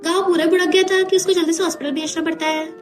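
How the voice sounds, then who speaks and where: A woman narrating a brisk, chatty recap of a drama story, hopping from scene to scene. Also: very high-pitched, level tone, faint music behind. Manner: brisk, chatty retelling that switches between scenes.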